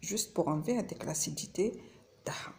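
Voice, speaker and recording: A woman's voice: on the low side, expressive, fast, gravelly, darkish tone, a little hiss or hum. A woman with an Algerian accent mixing Arabic and French, chatting casually through a home cooking vlog. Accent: Algerian Arabic mixed with French.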